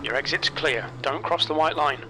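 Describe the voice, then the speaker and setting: A man voicing a male race engineer who gives brisk, clipped instructions over team radio, with loud race car noise behind. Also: a little high, lightly acted. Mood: instructive.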